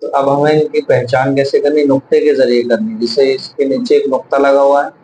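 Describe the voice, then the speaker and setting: A man's voice: mid-range voice, little pitch movement, warm tone, slight background noise, poor audio. A man teaching a Quran reading lesson, explaining patiently and spelling out letters one by one. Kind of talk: step-by-step recorded lesson.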